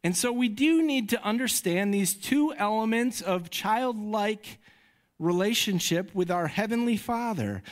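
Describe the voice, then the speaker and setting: A man in his thirties preaching a sermon on a microphone in a church, conversational and animated when he tells stories. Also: high-pitched. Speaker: pastor. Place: church sanctuary. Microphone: handheld or headset mic.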